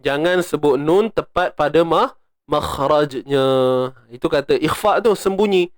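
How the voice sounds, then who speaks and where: Speaking in an unhurried, fairly high voice, a Malaysian Malay-accented man explains the rules of Quran recitation one step at a time and lifts his voice to chant verses as part of a tajwid lesson. The sound is clean studio audio with no room sound.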